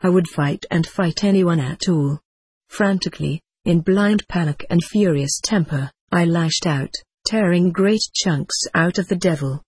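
A man's voice: sits high, unhurried, slightly rough, dry recording. A man reading a first-person adventure story aloud with dramatic expression. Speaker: audiobook narrator.

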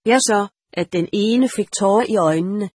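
A woman's voice: mid-range voice, a little mellow, breathy edge, dry recording, studio quality. A woman narrating a story aloud, reading the dialogue with only slight voice changes. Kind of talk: audiobook narration.

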